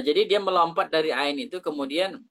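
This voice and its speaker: A man's voice: on the high side, fairly bright tone. Man teaching Quran pronunciation. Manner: explains slowly, demonstrating Arabic sounds then translating into Indonesian. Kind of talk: teaching Arabic letter pronunciation.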